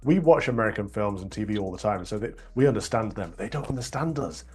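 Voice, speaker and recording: A man's voice: on the low side, animated, fast, slightly rough. An English man, a panel guest, giving casual commentary with many stammers and repeated words. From England.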